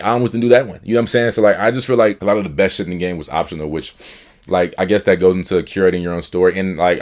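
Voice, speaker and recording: A man's voice: deep voice, a little mellow. A young man casually reviewing a game he played, talking loosely with slang, laughter and half-finished restarts. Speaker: gaming YouTuber.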